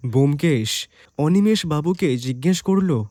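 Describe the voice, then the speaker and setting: A man narrates a detective story in the first person, in a mellow, rather high voice. His delivery is lively and full of rising and falling pitch. Soft music plays underneath. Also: a little slow, no echo.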